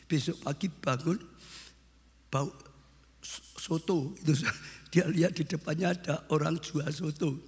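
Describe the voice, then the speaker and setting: A man preaching a wedding sermon, telling stories and swinging between loud exclamations and hushed asides. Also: on the high side, measured pace, long pauses, breathy edge. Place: church hall. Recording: long hall reverb.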